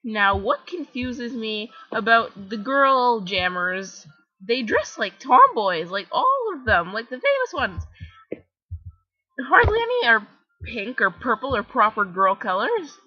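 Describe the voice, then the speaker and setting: Over soft background music, a teen girl from Canada comments on her game, rambling chattily and mocking herself. Her voice is a little high and slightly rough, very animated yet slow-paced, with a Canadian accent, in a slightly dull lo-fi home recording.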